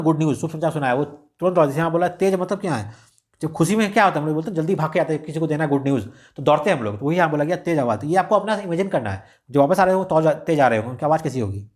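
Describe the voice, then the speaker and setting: A male exam-prep teacher with a voice on the high side and a darkish tone explains a radio script lesson casually. He mixes in English words and restarts his sentences often.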